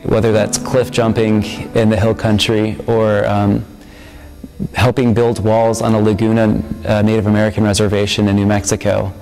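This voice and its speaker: Earnest young man over soft music. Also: lowish voice, completely flat delivery, moderate pace, creaky, low-quality recording. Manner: earnest, reflective, with frequent ums. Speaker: student member of a campus ministry. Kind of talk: interview testimonial. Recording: music bed under the voice.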